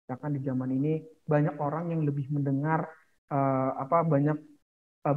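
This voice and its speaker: A male teacher explaining a lesson to his class in a casual way, full of fillers and little asides, sometimes acting out short quoted lines. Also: on the high side. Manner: casual, many fillers and "gitu ya". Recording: tinny phone-like sound.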